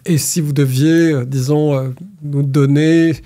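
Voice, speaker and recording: A man hosting an academic podcast, asking questions in a measured, formal way. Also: fairly high pitch, steady tone, mellow. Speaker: podcast host. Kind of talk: academic interview.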